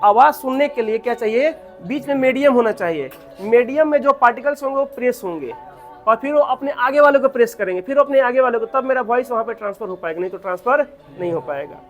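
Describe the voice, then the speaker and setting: A man teaching a physics class. He asks the students questions and answers them himself, and dictates notes slowly with many repetitions. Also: very high-pitched, dull audio, faint music behind.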